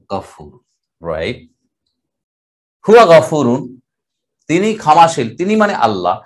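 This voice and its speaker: An older Bangladeshi teacher with a fairly high-pitched voice lectures on Arabic grammar in a classroom, drawing the Arabic words out slowly as he explains each step.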